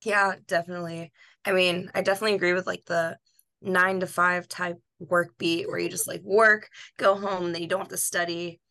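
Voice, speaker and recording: A woman's voice: on the low side, flat delivery, fairly quick, vocal fry, bright, forceful tone. A young woman, a podcast host, leading a casual chat in a friendly way. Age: young adult.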